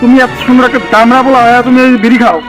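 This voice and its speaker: A man's voice: very high voice, flat delivery, music in the background. A man playing an exasperated father who scolds and nags his grown son in a comic skit. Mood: reproachful. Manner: nagging, reproachful rapid questioning.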